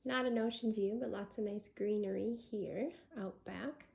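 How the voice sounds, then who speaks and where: A woman with a creaky voice giving an enthusiastic home tour as a gushing real estate agent, full of superlatives. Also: medium pitch, fairly even intonation, moderate pace, a little mellow, highs cut off. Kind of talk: enthusiastic property tour presentation.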